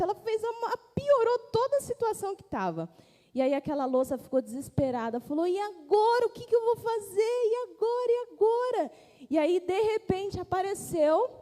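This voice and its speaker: A woman, telling an animated story to children as their teacher in a church. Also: high voice. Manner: animated, pointing things out. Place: church hall. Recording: echoey church hall.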